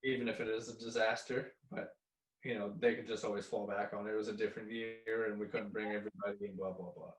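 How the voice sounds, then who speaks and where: A man's voice: fairly low pitch, little pitch movement, fast, far from the mic. A man co-hosts a casual hockey chat in an offhand, blunt way. He sits away from the mic, and his voice bounces around an echoey room. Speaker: podcast co-host.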